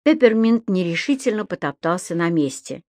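A woman narrating a children's storybook in a clear, even reading voice. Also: on the low side, normal speed, dry recording, studio quality. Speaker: audiobook narrator.

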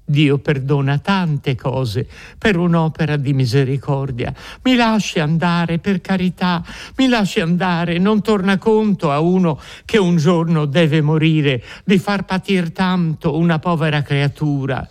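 A man's voice: fairly high pitch, pitched above the performer's own voice, lightly acted. A man reading an audiobook, voicing a frightened young peasant woman who begs desperately in a trembling voice.

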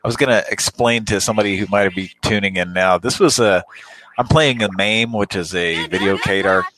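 Brief: low-voiced male streamer, loose and giggly, crude banter. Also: brisk, a bit bright, faint music behind, low-quality recording. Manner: laughs often, crude jokes, rambling. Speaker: co-host. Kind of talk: casual chat on a live stream.

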